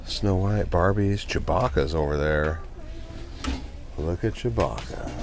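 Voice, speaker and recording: Browsing a flea market with background noise around him, this man speaks slowly in a deep voice. He's a reseller doing a casual walkaround vlog, chatty and upbeat, addressing his audience as "you guys."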